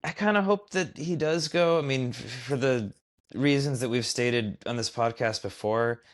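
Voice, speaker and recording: A man's voice: mid-range voice, normal speed. A man co-hosting a casual podcast chat, hesitant and restarting his sentences often. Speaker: podcast co-host.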